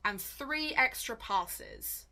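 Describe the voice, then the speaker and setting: Here a female book vlogger talks in a relaxed way, musing aloud with a wry, lively habit of questioning herself. She pitches a bit high and stretches her words out.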